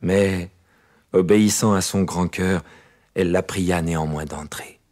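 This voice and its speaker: A man narrating a fairy tale in a measured, expressive storytelling manner, with soft music behind. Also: low voice.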